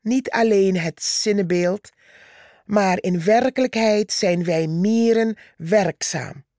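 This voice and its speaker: Storybook: woman voicing a tiny defiant ant, calm and slow. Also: mid-range voice, no echo, studio quality, close to an everyday voice. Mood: cheeky. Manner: calm, cheeky, unimpressed. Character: tiny bold female red ant, hard-working and defiant.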